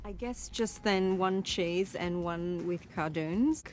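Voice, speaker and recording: A chirpy young woman fakes an Australian accent while ordering strange pizza toppings over the phone. Her quirky lines come slowly and deliberately, as in a film comedy scene. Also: lowish voice, a little mellow, slight background noise. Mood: deadpan chirpy. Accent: put-on Australian. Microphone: phone call in film scene.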